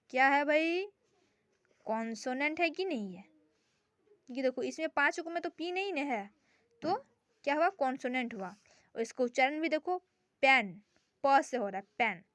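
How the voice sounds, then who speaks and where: Young woman, high pitch, casual home tutor, rhetorical questions, slow repeated words. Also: no room sound. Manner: asks and answers her own questions, repeats words slowly. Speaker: teacher. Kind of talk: casual grammar lesson. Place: home with sisters noisy in background.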